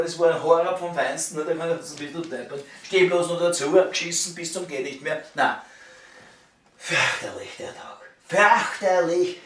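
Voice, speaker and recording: A middle-aged man with a Viennese accent rambles casually and grumbles in coarse, repetitive language, like a waiter venting about work. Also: a little high. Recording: echoey room, distant microphone.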